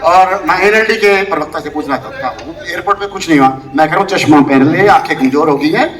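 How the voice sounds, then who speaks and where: A combative man mocks his rivals in a heated political debate and talks quickly. He sits off the mic in an echoey hall. A crowd is clearly heard around him. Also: a little high, animated, recorded from a distance. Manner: mocking, combative. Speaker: party spokesman in a debate.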